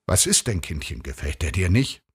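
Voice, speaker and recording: A man's voice: sits low, sing-song, normal speed, breathy edge, exaggerated voice. A man playing a self-satisfied, teasing middle-aged husband in a read short story.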